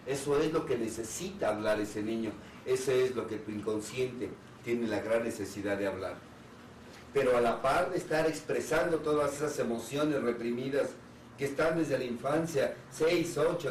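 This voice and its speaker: A man, a therapist, giving an earnest public talk on anxiety and asking the audience one rhetorical question after another, with pauses between phrases. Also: mid-range voice, slight background noise. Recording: roomy hall sound from a distant mic.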